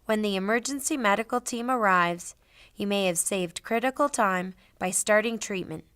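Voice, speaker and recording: Woman, training narrator, scripted, instructional, smooth clear voice, medium pitch, dry sound. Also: normal speed, fairly bright tone, no room sound. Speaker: instructor, presenter.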